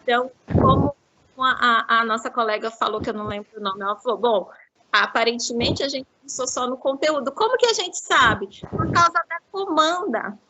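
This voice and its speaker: A woman giving a lecture to teachers on literacy, explaining classroom activities and slowly modeling words syllable by syllable. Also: a little high, very animated, pushed and bright, muffled recording, a little hiss or hum.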